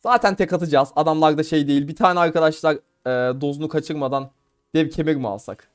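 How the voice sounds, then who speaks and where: A man's voice: a little high, quick pace, clean tone. A young man from Turkey giving casual, playful commentary on his own gameplay, laughing and talking to viewers. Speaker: gamer streamer.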